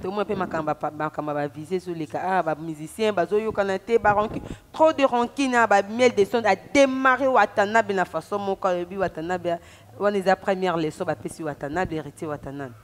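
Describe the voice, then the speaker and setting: High-voiced man hosting in a reverberant studio. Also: normal speed. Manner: prompting, frequent short agreements. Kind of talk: talk-show interview.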